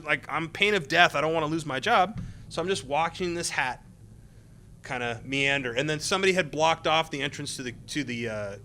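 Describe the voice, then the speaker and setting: A man's voice: on the high side, sharp tone, a little hiss or hum. A middle-aged man, a former game tester, telling rambling anecdotes full of fillers at a convention panel. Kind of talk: casual panel storytelling.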